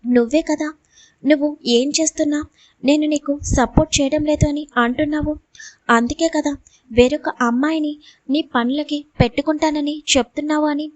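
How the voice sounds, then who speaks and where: A young wife, wounded and pleading, her words coming out upset and close to tears. A woman narrator reads her in a high, dry voice for a storybook reading. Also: steady tone, brisk, dry recording, close to an everyday voice. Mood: sobbing. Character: young wife, hurt and tearful. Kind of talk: audiobook character reading.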